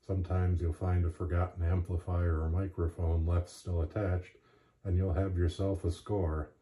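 Male instructional narrator, deep and monotone, plainspoken and unhurried in manner. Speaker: presenter of a gear demonstration.

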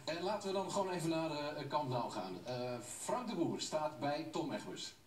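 A man's voice: a little high, lively intonation, moderate pace, slight background noise. Dutch male presenter, echoey and distant. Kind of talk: live studio presenting. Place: TV studio, heard through a television. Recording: echoey, distant TV filmed off-screen.

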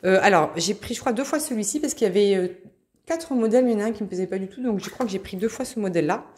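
Speaking rapid-fire in a mid-range, slightly mellow voice, a woman vlogger presents her craft haul in a relaxed show-and-tell. She hesitates often, leans on fillers, and fawns over the adorable finds.

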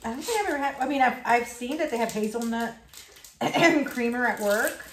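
A woman co-hosting a casual snack review at home, chatty and expressive, with a bit of slang. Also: fairly high pitch, moderate pace. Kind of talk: casual snack-tasting chat. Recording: echoey room, faint noise.

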